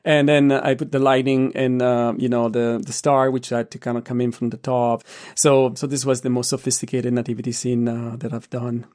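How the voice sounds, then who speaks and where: Wry man with a mid-pitched voice. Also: flat delivery, moderate pace, hardly any pauses, darkish tone. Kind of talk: casual anecdotal chat.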